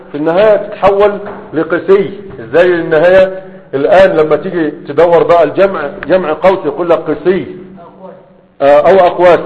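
A man with an Egyptian Arabic accent teaching a grammar lesson, often pausing on fillers and checking in with rhetorical questions. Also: on the high side. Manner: pauses often with drawn-out fillers while writing. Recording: dull, reverberant classroom-style recording.

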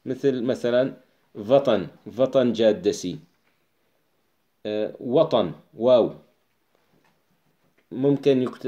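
A man reading a classical text aloud and explaining it as a teacher, measured and unhurried, with pauses and filler sounds. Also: medium pitch, warm tone, muffled recording.

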